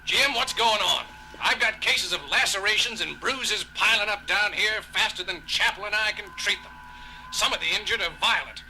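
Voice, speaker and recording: A man's voice: high-pitched, normal speed, sharp tone, exaggerated voice, low-quality recording. A man playing a harried, blunt starship doctor in a science fiction audio drama, urgent and exasperated.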